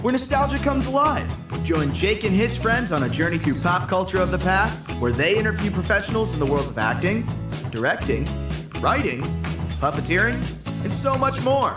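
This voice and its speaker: A man reading a scripted show intro as announcer, in a lively, showy way. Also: high-pitched, normal speed. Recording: roomy, distant, over loud music.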